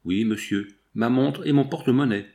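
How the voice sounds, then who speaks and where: A man's voice: medium pitch, normal speed, vocal fry, darkish tone, lightly acted. A man reading the part of a pale, weakened young seamstress in a storybook, speaking plainly and respectfully. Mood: weary.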